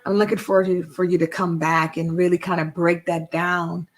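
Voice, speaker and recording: Hosting a faith-based interview podcast, a woman encourages and affirms her guest and quotes scripture. She has a lowish voice, a flat delivery and a moderate pace.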